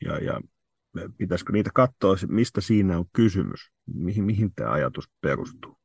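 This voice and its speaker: A man's voice: sits low, expressive, creaky, a little mellow, breathy edge, dry recording, studio quality. A man hosting a podcast discussion, thinking aloud and often repeating words as he works through a question.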